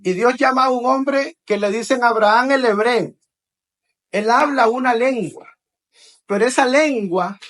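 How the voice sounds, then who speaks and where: A man with a high-pitched, fairly bright voice preaches a teaching sermon to a congregation. He leads call-and-response and tags his phrases with "¿verdad?".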